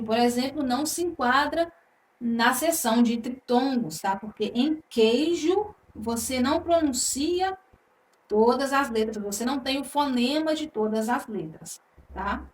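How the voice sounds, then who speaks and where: Slow, high-voiced woman teaching. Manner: slow, patient, drawn-out words, frequent "tá?". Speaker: Portuguese teacher. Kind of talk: exam-prep grammar lesson. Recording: echoey room, voice from a distance.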